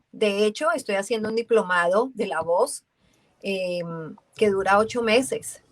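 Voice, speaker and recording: A voice actress from Valle del Cauca in Colombia with a Colombian accent, chatting in an interview and telling her story in a lively way, acting out the voices she quotes. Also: mid-range voice, no echo. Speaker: voice actress guest. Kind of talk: casual interview chat.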